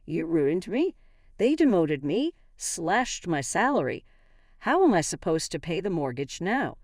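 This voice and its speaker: A woman's voice: lowish voice, big pitch swings, unhurried, a little mellow, no room sound, clean studio sound. A woman reading the lines of a desperate middle-aged husband who pleads in panic, in a storybook narration.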